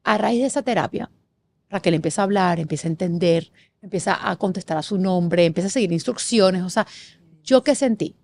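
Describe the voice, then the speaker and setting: Expressive woman telling her story. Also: on the low side. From Panama. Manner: expressive, animated, lists things in rapid series. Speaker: guest. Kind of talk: emotional storytelling in an interview.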